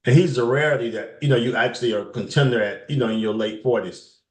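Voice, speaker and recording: A man in casual sports chat who thinks out loud and keeps turning points into questions. His pitch is ordinary. The sound is roomy with clear echo. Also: fast talker. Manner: questioning, musing, eats while talking. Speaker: co-host.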